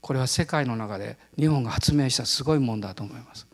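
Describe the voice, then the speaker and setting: A male pastor giving a sermon, telling a personal story in an animated way and laughing often. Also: medium pitch, quick pace, long reverb tail.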